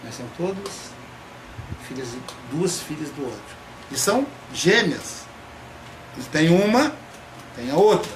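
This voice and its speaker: A man, a psychoanalyst, giving a reflective spoken talk and drawing out key words slowly for emphasis. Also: a little high, big pitch swings. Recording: echoey room, faint background noise.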